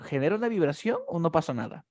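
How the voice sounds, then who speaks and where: A man teaching a one-on-one English lesson on a video call, explaining patiently in Spanish, modeling each sound slowly and checking often that his student follows. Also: fairly high pitch, very animated, a little mellow.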